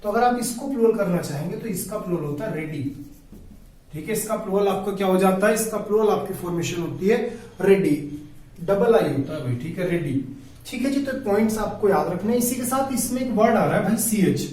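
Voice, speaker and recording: High-voiced male teacher in echoey room. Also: expressive, fairly quick, a little mellow, far from the mic. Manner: repetitive, asks and answers own questions, calls listeners "my brother". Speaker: English grammar teacher. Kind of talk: classroom-style video lesson.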